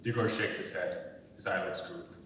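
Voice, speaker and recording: Recorded far from the mic in a reverberant hall with rumbling noise, a man delivers scripted narration of screenplay stage directions. His tone is steady and pushed-bright, at normal speed.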